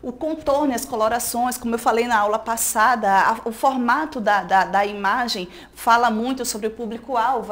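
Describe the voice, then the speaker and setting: A Brazilian woman teacher giving a recorded school lesson, explaining step by step and checking in with "né?" and "tá?". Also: on the high side. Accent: Brazilian Portuguese.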